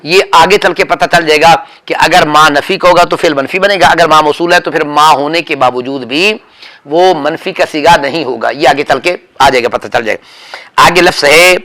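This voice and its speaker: Guy teacher quizzing his class, bright slightly high voice, keeps correcting and repeating. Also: normal speed. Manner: firm, repetitive corrections, calls on students by name. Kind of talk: drilling students in a grammar lesson.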